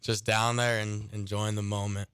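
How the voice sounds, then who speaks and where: A teenage boy, a high school pitcher, rambling casually through a story with lots of "like" and "I mean" in a radio studio interview. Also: level tone, normal speed, a bit bright, clear, resonant tone, dry recording. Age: late teens. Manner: rambling, many "like" and "I mean" fillers.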